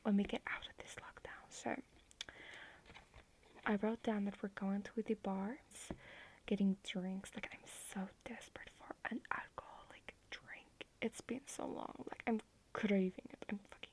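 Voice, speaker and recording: A woman's voice: mid-range voice, flat delivery, unhurried, darkish tone, close to an everyday voice, rough recording. A young woman whispering as an affectionate, clingy girlfriend in an ASMR roleplay on a video call at night.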